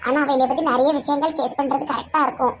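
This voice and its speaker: A woman's voice: sits high, fairly even intonation, fast talker, slight background noise. A woman with a Tirunelveli Tamil accent, chatting and teasing in a village comedy sketch.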